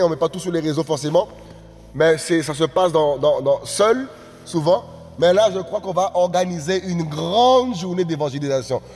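A man preaching a live-streamed sermon, exclaiming and repeating phrases, often rising into shouted appeals. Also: sits high, breathy edge. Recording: reverberant room with faint music.

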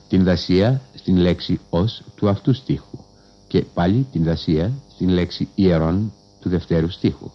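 A man with a very deep voice gives a formal scholarly talk over the radio, choosing each word with measured, precise care. His phrasing is learned and old-fashioned. The sound is dull and lo-fi, like a 1960s broadcast archive. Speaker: radio lecturer.

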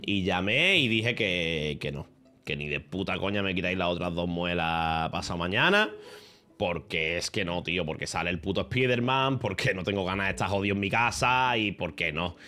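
A man's voice: mid-range voice, fairly bright tone. Sarcastic, foul-mouthed Spanish-accented man. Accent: Spain Spanish. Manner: joking, sarcastic, heavy swearing. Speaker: streamer. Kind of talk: casual livestream chat.

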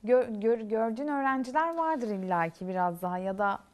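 A woman's voice: fairly high pitch, animated, a little fast, darkish tone. A woman interviewing a guest, asking brief questions and giving short encouraging replies. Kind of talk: casual interview.

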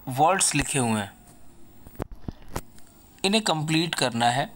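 Slow, patient Indian male teacher. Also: mid-range voice, a bit bright, a little hiss or hum. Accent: Indian English. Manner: slow, patient, explains each point in Hindi and English. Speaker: school English teacher. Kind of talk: recorded online lesson for children.

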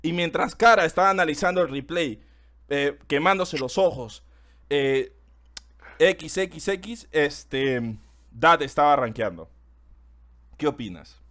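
A man chatting loudly on a game stream, excitable and swearing often. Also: a little high, takes it slowly, long pauses. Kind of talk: casual stream chat.

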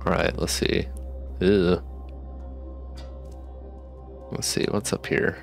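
With game music behind him, a young man streams a casual let's play, his low, gravelly voice level in tone and a little slow. Retainers are in his mouth, and he's slightly ill, still recovering and coughing.

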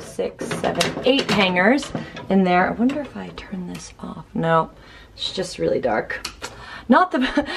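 A Boston woman in her thirties, a travel vlogger, gives a chatty, upbeat tour of a small hotel room, holding her camera at arm's length. Her voice is medium in pitch, there's slight background noise, and she thinks aloud with fillers.

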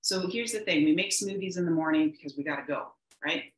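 A woman's voice: lowish voice, fast. A woman presenting a live cooking demo from her home kitchen, chatty and upbeat with frequent ums. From Canada. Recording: roomy kitchen echo.

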